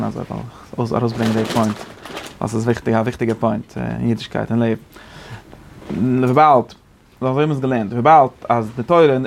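Guy teaching torah class, bit of fry in his voice, gets loud and high when he makes a point. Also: slight background noise. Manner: animated, rising to high emphatic peaks. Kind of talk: Yiddish-flavored Torah class.

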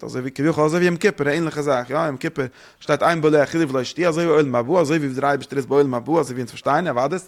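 A man giving a spoken religious lesson, rambling quickly and posing rhetorical questions to his listeners. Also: on the high side. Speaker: religious teacher.

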